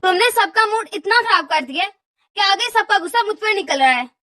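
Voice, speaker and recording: A woman's voice: very high-pitched, animated, a little fast, bright, forceful tone, no echo, recorded from a distance, exaggerated voice. A woman voicing a put-upon young daughter-in-law in a cartoon, explaining herself in an exasperated, pleading way. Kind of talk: cartoon voice acting.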